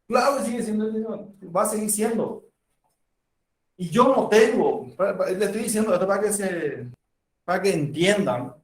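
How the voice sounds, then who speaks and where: A man teaches medicine in a loose, chatty lecture, slipping into quick doctor-and-patient exchanges. His voice sits a little high for a man. He is picked up from across an echoing classroom, well away from the mic. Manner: conversational, acts out patient dialogues. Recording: echoey room, far from the mic.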